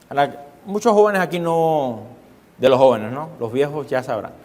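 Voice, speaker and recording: A male pastor delivers an emphatic sermon in a slightly high voice, repeating key phrases and throwing rhetorical questions to his listeners. His words ring out with the long reverb of a church hall.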